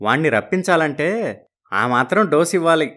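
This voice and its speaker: Brief: man, slightly raised pitch, gentle fatherly story voice. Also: expressive, brisk. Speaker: voices male characters. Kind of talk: story character dialogue.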